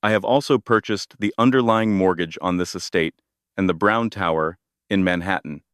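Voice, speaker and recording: A man voicing a cold, commanding woman executive taking her revenge, speaking in a calm, measured way. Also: deep voice, smooth, no echo, clean studio sound. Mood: cold authority.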